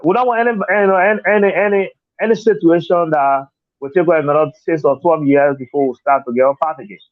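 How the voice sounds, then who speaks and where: A political candidate with a Liberian accent speaks quickly in a high-ish voice, answering interview questions over a tinny, dry phone connection with no room sound. Earnest and repetitive, he keeps saying "you know."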